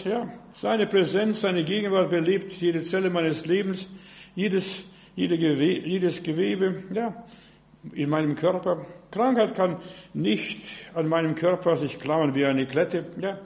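A man's voice: fairly high pitch, creaky, darkish tone. A man preaching a fervent sermon in German, punctuating his phrases with frequent "ja" and rising into emphatic bursts. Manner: fervent, fills pauses with frequent "ja". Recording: dull lo-fi recording.

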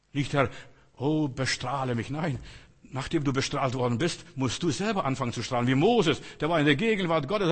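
A man's voice: on the high side, breathy edge. A man preaching a fervent sermon, addressing listeners directly and quoting scripture. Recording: long reverb in a large hall.

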